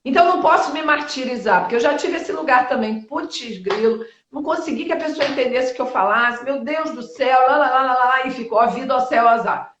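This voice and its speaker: A woman in her fifties speaking as a guest in a live-stream interview, lively and blunt, with quick asides and the odd swear word. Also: sits high, reverberant, dull audio, a little hiss or hum. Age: 50s. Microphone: video call.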